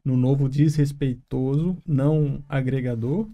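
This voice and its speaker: A man from Florianópolis with its local accent, a therapist co-hosting a podcast, speaking in a measured, affirming way. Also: medium pitch, fairly even intonation, lo-fi sound. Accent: Florianópolis Portuguese. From Florianópolis, Brazil. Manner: measured, affirming with frequent uhum. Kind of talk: reflective podcast conversation. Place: small room with three people.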